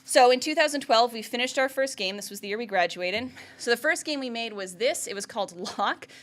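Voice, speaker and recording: A woman's voice: on the high side, lively intonation, brisk, fairly bright tone. A woman in her thirties from Vermont gives a presentation. She speaks in a chatty way, with lots of "like" and "right?", and laughs often. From United States (Vermont). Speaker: entrepreneur giving a presentation. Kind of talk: presentation talk.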